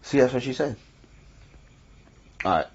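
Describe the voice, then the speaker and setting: A man's voice: mid-range voice, expressive, measured pace, a little mellow, husky, muffled recording. A man giving casual, joking gameplay commentary, swearing freely. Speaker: let's play commentator.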